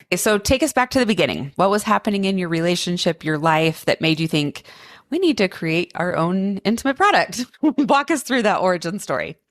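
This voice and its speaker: A woman's voice: on the low side, lively intonation, fairly quick. A woman hosting a podcast, asking her guests friendly, encouraging questions in a casual interview. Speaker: podcast host.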